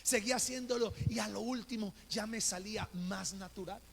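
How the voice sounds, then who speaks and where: A man's voice: sits high, moderate pace, vocal fry, a bit bright. A Colombian man preaching a sermon as pastor, telling a personal story and acting out the dialogue. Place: church. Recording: reverberant church hall with faint noise.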